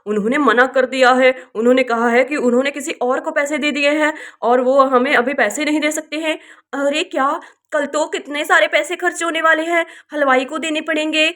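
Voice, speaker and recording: A worried but caring village husband and brother from a doll drama, voiced by a woman. He is firm and consoling, and his voice sits high. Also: a bit bright.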